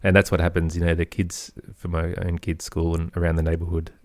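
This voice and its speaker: Fairly quick and monotone, a middle-aged man with a deep voice answers interview questions earnestly and thoughtfully in conversational style. He's a podcaster and musician, heard in studio quality with no room sound.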